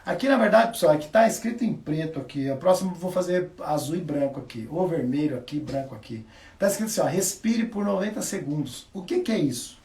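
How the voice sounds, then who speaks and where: A man giving a casual, animated live-stream talk to viewers, laughing often and speaking to them directly. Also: fairly high pitch, quick pace, recorded from a distance. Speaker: self-improvement speaker. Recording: echoey room, voice a bit off-mic.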